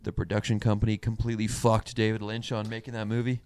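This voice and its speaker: A man's voice: fairly low pitch, completely flat delivery, fast talker, darkish tone, clear, resonant tone. A young man co-hosting a podcast, rambling crudely and trailing off mid-thought in casual chat. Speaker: podcast co-host.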